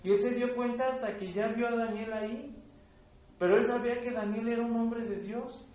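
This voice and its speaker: A man with a Mexican accent preaching a sermon in a church hall, earnest and growing loud when he reads scripture. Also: extremely high pitch, fairly even intonation, normal speed. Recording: very echoey hall, faint background noise.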